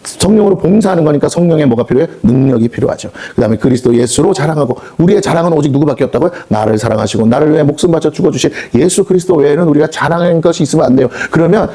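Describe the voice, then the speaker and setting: A man's voice: fairly high pitch, racing, hardly any pauses, warm tone. A male pastor preaching a sermon, firing off rhetorical questions and slipping into quoted voices. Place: prayer house meeting hall.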